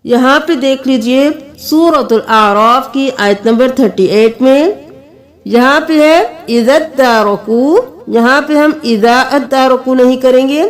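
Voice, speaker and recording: Slow, high-voiced woman teaching recitation. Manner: slow, patient spelling of letters, breaking into melodic chanting for verses. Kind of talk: step-by-step tajweed lesson with chanted recitation.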